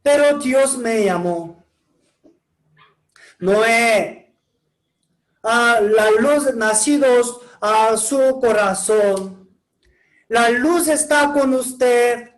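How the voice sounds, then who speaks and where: A man preaching as a pastor to children, speaking slightly broken Spanish and slowly calling on groups of children to shout back. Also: very high voice, roomy sound, rough recording. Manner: slow, encouraging, calls on groups of children.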